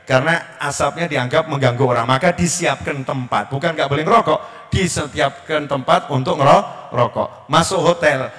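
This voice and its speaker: A man with a Javanese accent preaching a sermon, swinging between loud shouted calls and hushed asides. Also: fairly high pitch, moderate pace.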